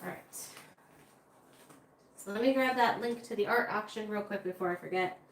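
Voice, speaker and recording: Chatting to viewers while she works, this art channel host runs a casual crafting livestream, sounding a bit congested. Her mid-range voice moves at normal speed, and the recording is roomy with faint room noise.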